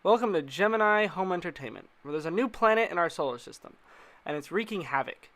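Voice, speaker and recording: A man with a slightly high, somewhat bright voice narrates an explainer video, talking fast and expressively. He keeps things informal and conversational, tossing in slang and playful asides.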